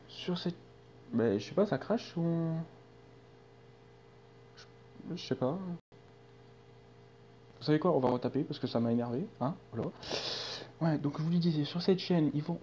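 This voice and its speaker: A man's voice: fairly high pitch, warm tone. A man running a football vlog, talking in a casual, rambling way with many restarts and fillers. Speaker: football channel vlogger. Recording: dull lo-fi sound with faint hum.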